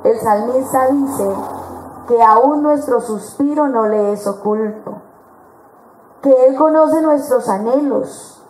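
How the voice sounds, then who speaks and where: Woman preacher, high voice, lively, acts out quoted voices, roomy church echo. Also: slow pace, slight background noise. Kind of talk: sermon at a women's conference. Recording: echoey church hall.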